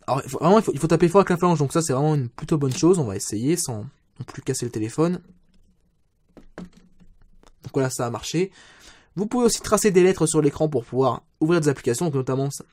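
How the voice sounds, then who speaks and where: A man's voice: a little high, a little mellow. A man, casually walking through phone settings in a rambling review, with many restarts and fillers. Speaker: tech reviewer.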